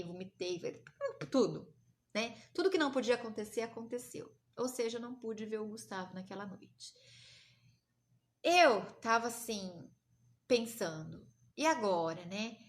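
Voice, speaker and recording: A woman from Brazil hosting a live stream, telling a personal story to her viewers with emotional, animated retellings. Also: a little high.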